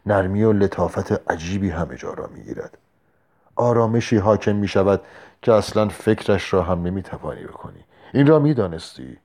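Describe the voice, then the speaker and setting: A man reading the lines of a drunk, war-hardened soldier who talks slowly and heavily. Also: sits low, expressive, darkish tone. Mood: brooding. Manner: slow, heavy-tongued musing.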